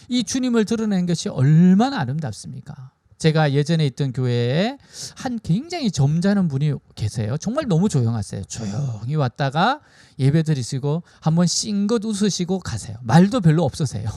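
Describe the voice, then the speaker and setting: A man preaching a sermon as a pastor from South Korea, emphatic and shifting between raised and hushed delivery. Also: high voice, vocal fry, dry recording, studio quality.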